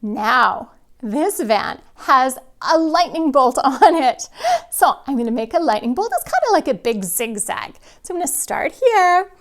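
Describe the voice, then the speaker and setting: A woman's voice: high-pitched, big pitch swings, unhurried. A woman teaching young children step by step like a kids show host, with simple, encouraging prompts. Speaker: children's drawing and spelling teacher. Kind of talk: kindergarten lesson, step-by-step instruction to children.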